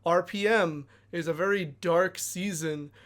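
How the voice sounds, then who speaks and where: A man with a notably high voice, co-hosting a casual fan podcast. He thinks out loud in a rambling way, peppering his points with fillers. The tone is relaxed discussion among friends. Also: a little slow. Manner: thoughtful, rambling with frequent "like". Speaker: podcast co-host.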